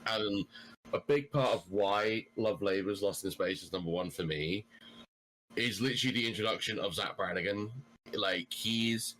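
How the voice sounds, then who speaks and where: A man's voice: fairly low pitch, moderate pace, fairly bright tone, rough recording. A man guesting on a podcast, chatting casually and bluntly, swearing freely. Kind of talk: casual chat.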